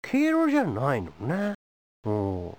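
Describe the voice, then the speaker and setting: A pushy foreign envoy, as a comedian puts him on, badgering and teasing the crowd with a stream of questions. The voice leaps up and down in pitch while the words come slowly and deliberately. It is recorded close and dry, with no room sound. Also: wildly swooping pitch, darkish tone, no room sound. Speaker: stand-up comedian. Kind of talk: comic character monologue.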